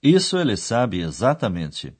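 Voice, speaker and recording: A man presenting a scripted radio language lesson, explaining each step in a didactic way. His voice is fairly low and husky, with lively, wide-ranging intonation. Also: unhurried. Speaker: radio language course host. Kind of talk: scripted educational narration.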